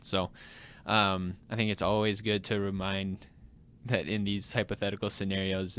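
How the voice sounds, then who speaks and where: Deep-voiced man, smooth and measured. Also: a bit bright. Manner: measured, thoughtful. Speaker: podcast panelist. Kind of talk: casual discussion.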